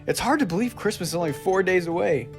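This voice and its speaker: A woman voicing a kindly male repairman in an animated film, modest, folksy and easygoing. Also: fairly low pitch, fast, soft background music. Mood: friendly. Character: kindly, easygoing male small-town repairman named Bob.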